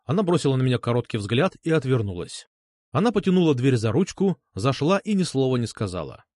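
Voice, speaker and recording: A man narrating an audiobook in an expressive, dramatic reading style. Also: medium pitch, a little fast, no echo, studio quality.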